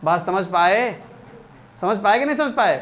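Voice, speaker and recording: A man's voice: high-pitched, lively intonation, moderate pace, fairly bright tone. Emphatic man drilling a class. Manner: emphatic and repetitive, drilling students; coaxing, calls students "beta". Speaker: math teacher. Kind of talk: classroom lecture.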